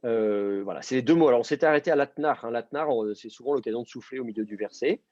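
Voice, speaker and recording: A man teaching a Hebrew reading class, explaining step by step and often pausing with fillers. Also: medium pitch, a little mellow, no room sound. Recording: dull lo-fi dry sound.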